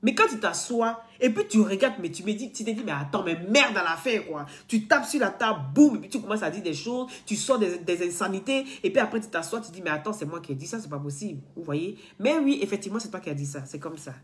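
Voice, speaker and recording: A woman's voice: mid-range voice, expressive, a little fast, hardly any pauses. Woman vlogging to her followers, preachy and earnest, keeps repeating herself. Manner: earnest, lecturing, many repetitions and restarts. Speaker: blogger addressing her followers. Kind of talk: casual direct-to-camera talk.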